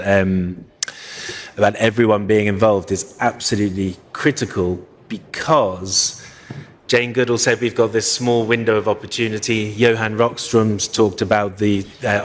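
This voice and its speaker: Reflective man with a low voice. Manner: reflective, measured, with frequent hedges. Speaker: panelist. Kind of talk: panel discussion remarks. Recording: long hall reverb.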